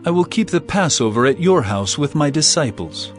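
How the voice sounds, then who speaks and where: An actor playing Jesus as a calm, authoritative male teacher, speaking in an earnest, measured way. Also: fairly high pitch. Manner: earnest, measured scripture delivery. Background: music score.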